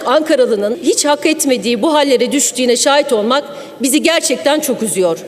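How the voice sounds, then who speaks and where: A woman politician speaks into a rostrum microphone with a high voice, declaiming and accusing, pushing up to shouts at times. Her voice rings out with the long reverb of a big assembly hall. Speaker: member of parliament. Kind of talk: parliamentary speech. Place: parliament chamber.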